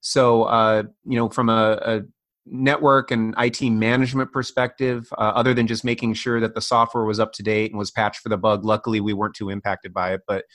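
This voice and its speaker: Middle-aged American male IT business guest, slightly low voice, dry sound, conversational expert tone. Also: little pitch movement, brisk, fairly bright tone, no room sound. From North Dakota, United States. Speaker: IT company owner, interview guest.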